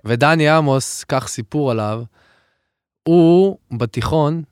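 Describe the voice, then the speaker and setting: A man's voice: on the high side, darkish tone, smooth, no echo, clean studio sound. A man in his thirties from Israel, co-hosting a podcast in an easygoing, teasing way. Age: 30s. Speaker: podcast co-host. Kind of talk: casual chat. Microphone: studio mic.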